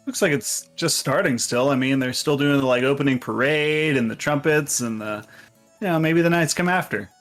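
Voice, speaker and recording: Male player, medium pitch, casual banter, tabletop role-play, faint music behind. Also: moderate pace, a bit bright.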